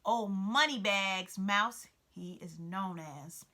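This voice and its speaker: A woman's voice: mid-range voice, slow, bright, forceful tone. A woman voicing a blunt, worldly male cat who talks in an impatient, sarcastic, no-nonsense way, reading a storybook aloud. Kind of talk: storybook read-aloud character voice.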